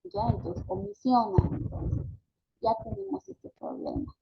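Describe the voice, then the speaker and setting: A woman from Bolivia teaches an online postgraduate class in a slow, halting way, full of fillers and tag questions. Her voice sits a little high and has a gravelly fry. It comes through dull, lo-fi video-call audio with a clear layer of background noise. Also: big pitch swings. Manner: demonstrates syllables and words aloud. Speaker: lecturer.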